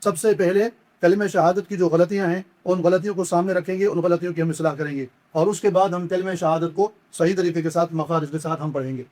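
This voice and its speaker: A high-pitched man giving a step-by-step recitation lesson. He explains each error with patient repetition, then slowly chants the words and draws them out as a demonstration. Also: steady tone, darkish tone. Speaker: Quran recitation teacher.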